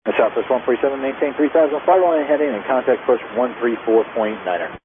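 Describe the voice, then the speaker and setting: A man's mid-pitched voice comes over a tinny, static-laden radio link. He issues rapid, terse air traffic control instructions in procedural phrasing. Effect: aviation radio transmission.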